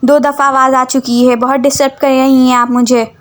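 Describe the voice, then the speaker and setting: A woman's voice: high-pitched, little pitch movement, fairly quick, lightly acted. A woman playing a sarcastic stern male teacher.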